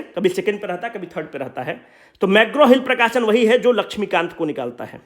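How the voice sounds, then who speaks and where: A young man, teaching exam aspirants in an informal coaching talk, emphatic and pleading, repeating himself and mixing in English terms. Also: high voice.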